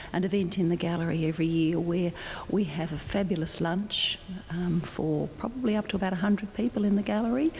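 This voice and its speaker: An older Australian woman, the president of a support group, answers interview questions off the cuff, hesitating and repeating words while she searches for her phrasing. Her voice is fairly low and mellow. The interview takes place in a large indoor gallery, and the echoey hall carries clear background noise.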